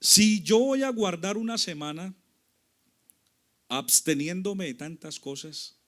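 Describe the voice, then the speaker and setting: Colombian male pastor, high voice, dramatic sermon delivery with big swings in volume. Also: slow pace, fairly bright tone. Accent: Colombian, from Cali. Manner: dramatic storytelling, voice rising and falling widely. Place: church.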